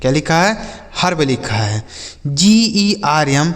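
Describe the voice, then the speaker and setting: A male English teacher, teaching a class. He asks questions and answers them himself, and says words slowly, sound by sound. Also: on the high side, big pitch swings, a bit bright, in a large hall. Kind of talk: classroom-style lesson.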